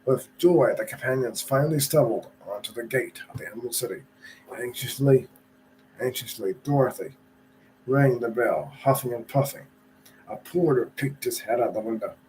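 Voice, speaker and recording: A man reading a storybook aloud in a relaxed, chatty way, sometimes stumbling and rereading a phrase. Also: medium pitch, moderate pace, a little hiss or hum, poor audio. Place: at home.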